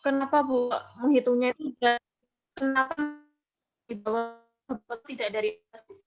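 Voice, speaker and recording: A woman student asking a question in an online class, polite and hesitant, pausing as she searches for words. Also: sits high, dull audio, music in the background.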